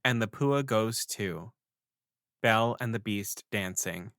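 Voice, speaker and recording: A man's voice: on the low side, takes it slowly, a bit bright, no room sound, studio quality. A man co-hosting a podcast, chatting casually in a playful, jokey way. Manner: playful, jokey, emotional when telling a story. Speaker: podcast co-host.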